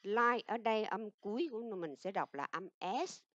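A woman English teacher with a Vietnamese accent giving a recorded lesson, explaining in Vietnamese and reading English example sentences slowly and carefully. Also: mid-range voice, expressive, fairly bright tone, dry recording. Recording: dull lo-fi dry recording.

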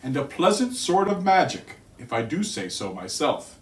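A man's voice: very animated, normal speed. A man voicing a friendly, chuckly snowman come to life in a storybook, pleasant and courteous. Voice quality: deep, chuckly as described. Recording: roomy living room, distant mic.

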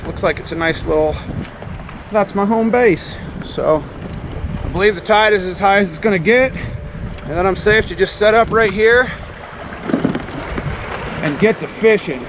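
A man's voice: sits high, a little slow, pauses often, highs cut off, noisy background. A man in his thirties talking casually to an action camera outdoors on a rocky ocean jetty, explaining as he goes in an easygoing, chatty way. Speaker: fishing vlogger. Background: music under the talk.

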